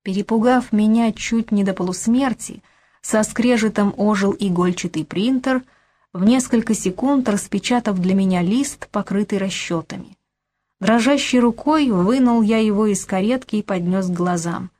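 A woman narrating an audiobook in an even, measured storytelling manner. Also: mid-range voice. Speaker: audiobook reader.

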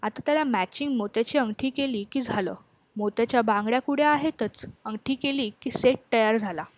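A woman voicing a vain, shrill middle-aged housewife admiring her pearls in a storybook reading. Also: a little fast, no echo, lightly acted. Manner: shrieking, self-admiring.

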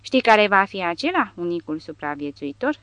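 A woman's voice: medium pitch, sing-song, a bit bright, dry recording. A woman voicing a big, brash male soldier who growls threats and boasts in an audiobook. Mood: boastful.

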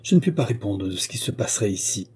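A man's voice: lowish voice, expressive, fast talker, husky. A man doing a bitter, curt spinster. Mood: bitter fury. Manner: curt, sharp and venomous. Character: bitter, furious middle-aged female housekeeper. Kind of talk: audiobook character reading.

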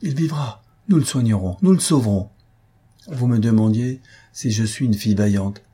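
A man's voice: lowish voice, steady tone, normal speed, mellow, breathy edge. A man voicing an anxious young woman, a devoted daughter, in a pleading, rising tone. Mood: resolute.

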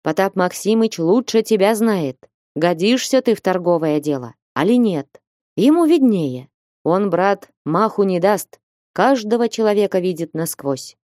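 A woman's voice: mid-range voice, animated, a little slow, a little mellow, dry recording, studio quality, natural voice. A woman voicing an older male godfather who coaxes and insists in an audiobook. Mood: coaxing. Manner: coaxing, insistent. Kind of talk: audiobook reading.

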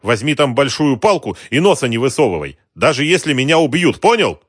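A man voicing a stubborn, hot-tempered shopkeeper who shouts back at gangsters. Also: medium pitch, very animated, brisk, slightly rough, dry recording, clean studio sound, pitched above the performer's own voice. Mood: tense, defiant. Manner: defiant, shouting.

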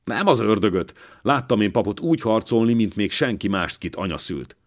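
Brief: gruff old man, deep and slow-spoken, fatherly and weighty, read by a male narrator. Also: expressive, close to an everyday voice. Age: older. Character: wounded old man, former royal servant, gruff, fatherly.

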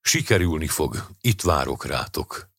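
A man reading as a calm, steady older rescuer. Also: extremely low pitch, vocal fry, breathy edge, no room sound, studio quality, heavily acted. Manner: calm, steady, plainly spoken. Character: strong older male rescuer, calm and resolute. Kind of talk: audiobook dialogue reading.

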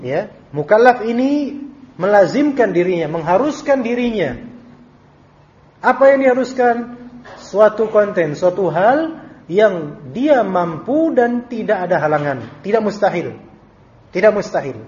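A man's voice: very animated, unhurried, pauses often, darkish tone. A male Islamic teacher giving a casual study-circle lecture, speaking Indonesian laced with Arabic terms and acting out little dialogues. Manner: conversational, acts out short dialogues with shifting pitch. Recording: dull lo-fi audio recording.

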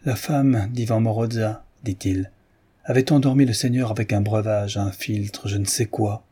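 A man's voice: lowish voice, fairly even intonation, moderate pace, dark tone, slightly rough. A man reading aloud voices a guilty coachman who defends himself and pleads with his mistress. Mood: pleading. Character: guilty male coachman, fearful then defiant.

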